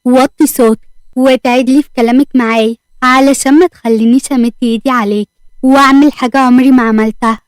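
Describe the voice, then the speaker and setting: Brief: a callous Egyptian husband, read by a woman in her own high voice, quick and clipped. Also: steady tone, no echo, studio quality, lightly acted. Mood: threatening. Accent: Egyptian Arabic. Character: cold, harsh husband, newly remarried.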